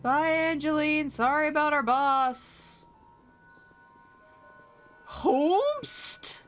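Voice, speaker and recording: A woman's voice: high voice, very animated, moderate pace, fairly bright tone. A woman streaming a video game, making wry, casual asides with some swearing. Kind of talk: casual live game commentary. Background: game music.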